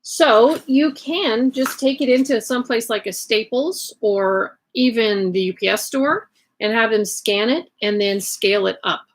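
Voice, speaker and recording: A woman with a Southern US accent and a creaky voice hosts a casual livestream, explaining things in a chatty way with rambling asides. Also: fairly high pitch, a little slow. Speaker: livestream host sharing sewing resources. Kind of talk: casual explanatory chat to camera. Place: indoors at home, in bed in a bedroom.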